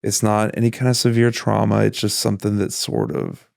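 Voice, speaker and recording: A man's voice: fairly low pitch, sing-song, a little fast, gravelly, darkish tone, no room sound, clean studio sound. A man hosting a casual podcast interview, rambling and restarting his sentences, often laughing. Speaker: podcast host.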